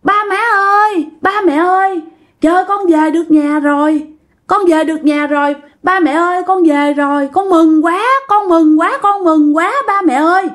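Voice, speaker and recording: A woman's voice: very high-pitched, normal speed, pitched above the performer's own voice. A woman voicing a young man possessed by a girlish spirit, speaking in a dainty, sing-song way with pleading repetitions. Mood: overjoyed.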